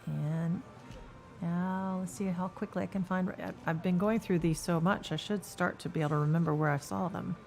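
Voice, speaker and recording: Low gravelly Kentucky woman commentator. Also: steady tone, moderate pace, a little mellow, faint music behind. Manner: chatty, jokey, reads out horse details. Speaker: show jumping commentator. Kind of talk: live sports commentary, casual chat.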